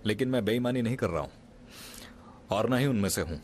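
A man's voice: fairly low pitch, animated, a little fast, slight background noise, lightly acted. An actor dubbing a wealthy young businessman in a drama. He teases playfully but turns curt when he gives orders. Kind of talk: dubbed drama acting.

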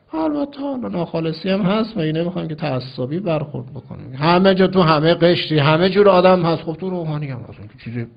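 An Iranian cleric with a slightly high voice and vocal fry tells a story during a sermon, speaking emphatically and acting out the dialogue. The recording is dull and lo-fi.

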